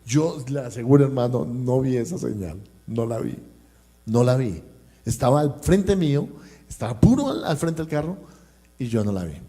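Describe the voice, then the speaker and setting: A man with a Colombian accent preaches to his congregation at a church service. He tells a personal story and acts out each person's lines as he goes. His voice has a warm, mellow tone. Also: mid-range voice, animated, normal speed. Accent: Colombian Spanish. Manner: storytelling, acting out dialogue and addressing the congregation. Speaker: pastor. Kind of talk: sermon with personal anecdote.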